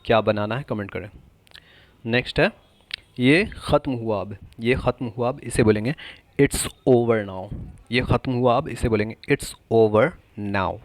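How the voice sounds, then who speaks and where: A man teaching everyday English phrases, repeating each one slowly and asking viewers to comment their answers. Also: mid-range voice, dry recording.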